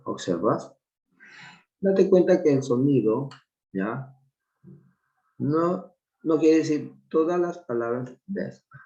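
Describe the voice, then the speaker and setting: A man teaching an online English class, explaining slowly and patiently with repeated examples. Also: mid-range voice, expressive, dark tone, reverberant, dull audio. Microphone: video call.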